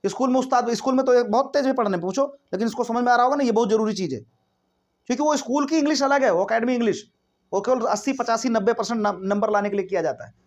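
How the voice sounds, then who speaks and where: A man teaching a spoken English grammar lesson, explaining step by step with rhetorical questions and reading example sentences slowly before translating them. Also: very high-pitched. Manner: explains step by step, keeps asking rhetorical questions and saying "theek hai".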